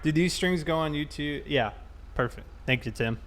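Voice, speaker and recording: An American man from South Carolina roleplays as a police officer on a livestream, chatting casually in a laid-back way. His pitch is fairly high and his speed normal, with crowd noise, vehicle sounds and clear background noise in the recording.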